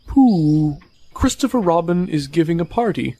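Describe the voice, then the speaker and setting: An actor, a woman, playing a dry, would-be wise owl messenger in a children's audio drama, deliberate and questioning. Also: on the low side, expressive, dark tone, a little hiss or hum. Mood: matter-of-fact.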